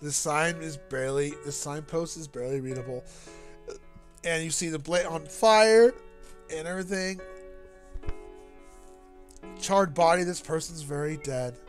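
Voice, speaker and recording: A man streaming and casually commenting on a game he made. He talks in a chatty, jokey way and often gets animated. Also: fairly high pitch, unhurried, pauses often. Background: faint game music.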